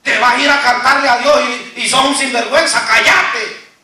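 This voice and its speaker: A preacher voicing a taunting demon. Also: male voice, very high voice, fairly even intonation, moderate pace, sharp tone, heavily acted. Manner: mocking, snaps "cállate". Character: taunting demon, male, scornful and bullying. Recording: very echoey church hall, voice from a distance.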